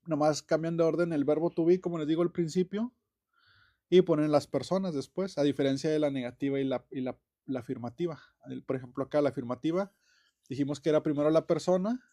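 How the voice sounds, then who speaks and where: A man giving a casual online English grammar lesson, chatty and relaxed, with many fillers and self-corrections. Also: on the high side. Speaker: English teacher.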